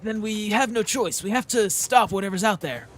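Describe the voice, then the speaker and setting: A man's voice: sits high, normal speed, a bit bright, pitched above the performer's own voice. A man voicing an earnest, determined young anime hero rallying a team in dramatic game dialogue. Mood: urgent resolve.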